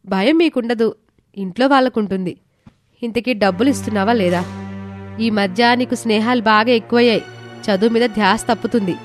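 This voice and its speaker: A woman's voice: a little high, fairly quick, pauses often, faint music behind, lightly acted. A woman voicing a responsible young older sister in an audio story, earnest and pleading.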